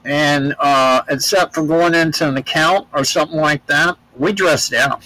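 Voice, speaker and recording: At a moderate pace, an older American man shares travel stories in an interview, his fairly high voice pushed and bright. His delivery is plainspoken and rambling with frequent restarts, and the audio is poor but free of echo.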